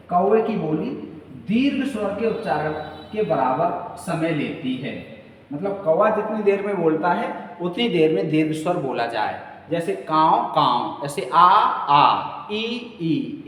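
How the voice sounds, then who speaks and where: Guy teaching a class, high voice, big echo, sounds far from the mic, keeps asking himself questions. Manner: repetitive, asks and answers own questions. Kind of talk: classroom lecture. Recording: echoey room, mic at a distance, faint hum.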